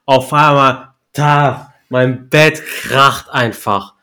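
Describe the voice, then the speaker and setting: Junger Mann, lässig, erzählt mit Slang. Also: male voice, mid-range voice, drawn-out words, bright, forceful tone. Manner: laid-back slangy storyteller, laughs at his own punchlines. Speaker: podcast co-host. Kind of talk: casual storytelling.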